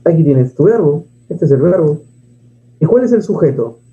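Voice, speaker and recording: A man teaches a grammar lesson in a fairly high, very dark and mellow voice. He asks and answers his own questions and reads verses aloud. The recording sounds dull and lo-fi. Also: lively intonation, normal speed.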